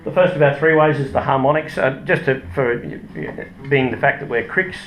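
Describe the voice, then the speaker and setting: This Australian-accented man is a product manager at a company, hesitantly walking through products during a casual interview. He has a medium-pitched, slightly bright voice and a moderate pace. There's music in the background and the room echoes noticeably.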